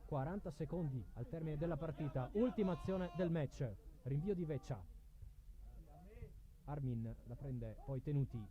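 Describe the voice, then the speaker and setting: A man's voice: a little high, animated, normal speed, hardly any pauses, mellow, muffled recording. A man calling a live football match play by play, calling players' names in short bursts. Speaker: football commentator.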